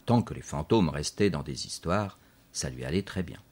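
A man reading a children's story aloud in a measured, clear narration. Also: a bass voice, expressive, darkish tone.

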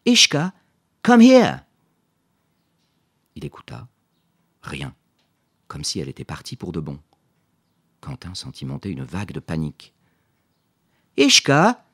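A man narrating a story in a scripted, lively reading. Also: rumbling low, normal speed, pauses often, husky. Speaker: audiobook narrator.

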